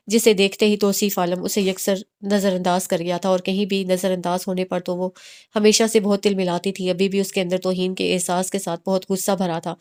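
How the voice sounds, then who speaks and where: A woman reading a romance novel aloud in a steady, unhurried way with small slips. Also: medium pitch, clean tone. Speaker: novel reader. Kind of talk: audiobook narration of a romance novel.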